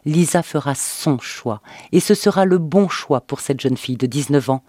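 Expressive male audiobook narrator. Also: on the high side, moderate pace, dry recording, clean studio sound. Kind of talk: dramatic audiobook reading.

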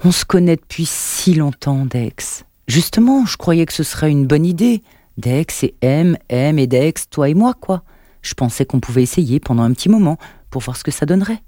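A man reading an audiobook, voicing a quick-tempered, guarded woman in her thirties with a lifted voice. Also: fairly high pitch, lively intonation, warm tone, dry recording, studio quality, close to an everyday voice. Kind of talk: audiobook narration.

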